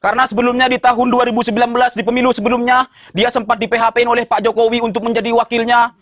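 A man's voice: very high voice, little pitch movement, rapid-fire, a bit bright, no echo. A man from Madura doing a stand-up comedy set, bantering with the crowd and repeating his punchlines.

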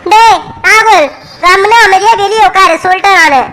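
A woman's voice: very high voice, brisk, background noise. A woman voicing a stern, bossy young village woman who scolds her younger brother. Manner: scolding, lecturing. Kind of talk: cartoon voice acting.

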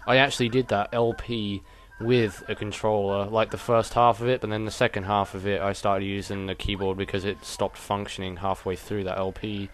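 A man's voice: lowish voice, little pitch movement, moderate pace, hardly any pauses. A man giving casual let's play commentary with joking, rambling asides.

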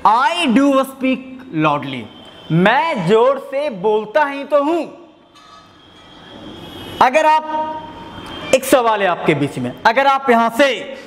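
A man's voice: very high-pitched, very animated, big-room sound, slight background noise. A male teacher with an Indian accent giving a grammar lecture, repeating points and speaking fondly to his students. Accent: Indian English. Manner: repetitive, addresses students fondly, drawn-out English phrases. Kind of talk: classroom lecture.

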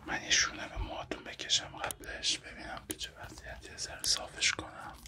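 A young man with a Persian accent, an ASMR creator, plays a barber in a close-up roleplay, whispering softly and politely to the listener as his client. He is in a dim, small indoor room.

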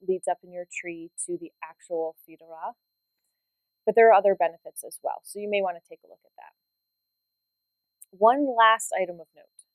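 A woman hosting a genealogy channel, explaining family history in a relaxed way with frequent ums and pauses. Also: lowish voice, no room sound, poor audio. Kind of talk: casual educational talk to camera.

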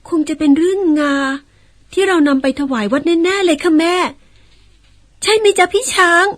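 An actress playing a polite, gentle young daughter who speaks softly and coaxingly, in old-style radio drama acting. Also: female voice, very high voice, normal speed, soft background music.

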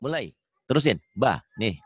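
A man teaching a beginner's Quran reading lesson over a video call, modelling syllables loudly and coaxing his student with jokes. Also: mid-range voice, sing-song, normal speed, breathy edge, no echo, studio quality. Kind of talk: online one-on-one reading lesson.

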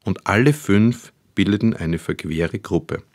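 A man narrating a literary audiobook in a measured, even manner. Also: sits low, no room sound, studio quality.

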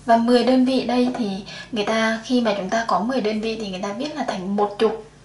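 Woman, primary math teacher, patient counting-aloud delivery, a touch high, echoey room. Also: quick pace, a little mellow, slight background noise. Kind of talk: explaining a lesson to young children.

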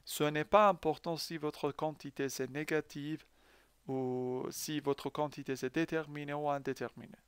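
A man's voice: fairly high pitch, steady tone, moderate pace, clear, resonant tone, no echo. A man teaching a French lesson to learners who speak Persian. He is patient, asks the class questions and then answers them himself. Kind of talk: language lesson.

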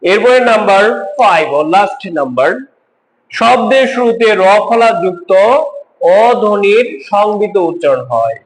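Male teacher with a high voice, patient step-by-step explainer; echoey classroom sound. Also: sing-song, a little slow. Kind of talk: classroom lesson.

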